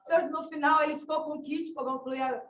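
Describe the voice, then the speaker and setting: Fervent high-voiced Gaúcha woman testifying. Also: steady tone, fast, a bit bright, a little hiss or hum. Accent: Gaúcho Brazilian Portuguese. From southern Brazil. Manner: fervent, exclamatory, often calling out to the Lord. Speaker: missionary colporteur. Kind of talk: emotional religious testimony. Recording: echoey, distant, dull-sounding room recording.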